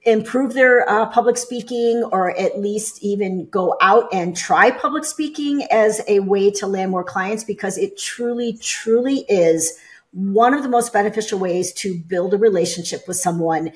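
A woman hosting an interview podcast, chatty and upbeat, often pausing on "uh". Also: mid-range voice. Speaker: podcast host. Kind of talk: casual interview.

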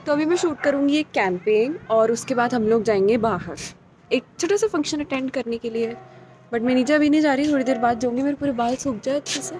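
A woman's voice: sits high, a little fast, a little mellow. A young woman chatting casually to camera in a vlog, mixing in English phrases. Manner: chatty, mixes English phrases into her talk. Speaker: vlogger.

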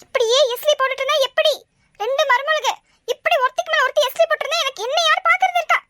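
Shrill nagging old mother-in-law. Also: fast talker, bright, forceful tone, no room sound. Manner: scolding, nagging. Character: bossy scolding older mother-in-law. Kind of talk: cartoon voice acting.

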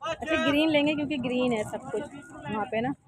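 A woman's voice: sits high, quick pace, crowd noise. A woman in her thirties with a Pakistani Urdu accent, chatting casually through a vlog and asking about prices as she shops. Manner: chatty, asks prices and comments on goods. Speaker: vlogger. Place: outdoor market, then home room. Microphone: phone camera. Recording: noisy outdoor phone audio.

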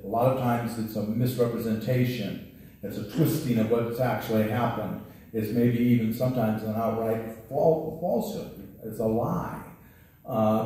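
A man's voice: lowish voice, mellow. A middle-aged man preaching a sermon from a pulpit, talking conversationally with frequent restarts, on a headset mic. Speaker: pastor. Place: church sanctuary at a pulpit. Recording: roomy church echo, distant mic.

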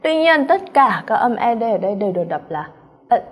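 Husky-voiced Vietnamese woman, animated English exam-prep teacher. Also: fairly high pitch, quick pace. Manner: animated, keeps checking in with students; calls herself by name in third person. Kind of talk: online exam-prep lesson.

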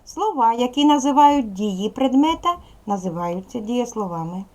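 A woman teaching a primary school class in a recorded video lesson, speaking clearly and patiently straight to the pupils. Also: fairly high pitch, expressive, moderate pace, darkish tone.

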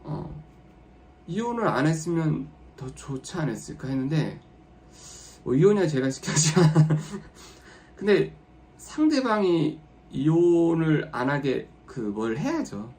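A man chatting on a live stream, rambling and restarting as he goes. His pitch sits a little high and swings widely. He acts out spouses' lines, jumping up in pitch and loudness. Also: big pitch swings, takes it slowly, slight background noise. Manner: rambling, many restarts and fillers. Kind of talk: casual chat with viewers.

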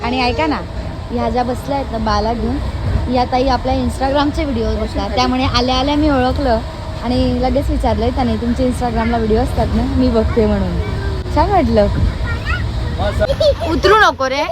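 Filming on her phone at a train station, a family vlogger with a fairly high voice chats casually with her viewers at normal speed, addressing them directly. A bustling crowd and traffic noise fill the background.

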